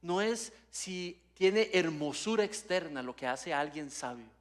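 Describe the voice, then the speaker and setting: A man's voice: fairly high pitch, expressive, a little slow. A man preaching at a church service as pastor, teaching with rhetorical questions and long lists and building to emphatic passages. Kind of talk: Spanish-language sermon.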